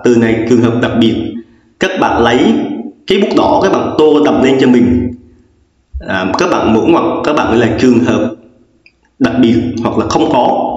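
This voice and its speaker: A man's voice: mid-range voice, a little mellow. A man teaching an English grammar lesson, explaining patiently and repeating each rule with frequent fillers. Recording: echoey lo-fi room recording.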